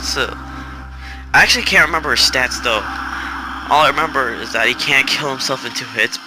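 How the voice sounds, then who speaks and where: A man hosting a gaming channel, rambling and correcting himself in a flat, robotic-sounding delivery while he sounds stressed. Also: mid-range voice, brisk, background noise. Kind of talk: casual gameplay commentary. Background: game music.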